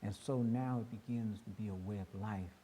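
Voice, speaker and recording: Man, very dark, low voice, earnest and deliberate, faint hiss. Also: steady tone. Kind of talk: reflective group discussion.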